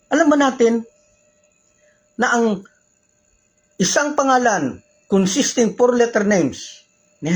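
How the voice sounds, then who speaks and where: A Filipino man from the Philippines, speaking with a Filipino accent in a high-sitting, breathy voice, casually teaches religious law. He switches between Tagalog and English, uses polite particles, and asks rhetorical questions, though the audio is poor.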